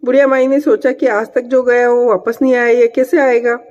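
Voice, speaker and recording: A woman narrating a devotional folk tale in a plain, steady way. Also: a little high, normal speed. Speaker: storyteller. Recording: dull lo-fi sound with long reverb.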